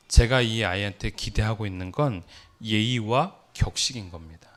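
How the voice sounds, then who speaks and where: A man's voice: mid-range voice, fairly bright tone. A middle-aged man preaching a sermon as pastor, telling a personal story and asking the congregation rhetorical questions.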